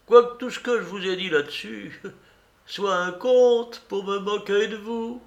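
A man doing a high, rasping dying old beggar. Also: animated, takes it slowly, reverberant, exaggerated voice. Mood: ironic. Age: older. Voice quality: thin, rattling, failing voice. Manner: mocking and imperious. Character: dying old male beggar, sly and scornful. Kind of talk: audiobook character reading.

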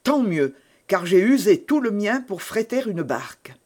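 A man's voice: high voice, big pitch swings, measured pace, darkish tone, voice pushed up, full character voice. A man reading aloud, voicing an earnest young man urging a prisoner to escape. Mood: urgent. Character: earnest young man, urgent rescuer, devout.

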